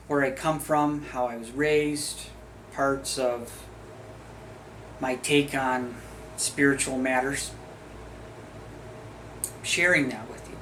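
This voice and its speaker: A middle-aged man from the States drifts through a loose, chatty monologue, tossing in offhand jokes as he goes. His voice sits at an ordinary middle pitch. A clear bed of steady background noise runs under him the whole time. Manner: chatty, wandering, with jokey asides. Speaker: video host. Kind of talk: casual rambling monologue.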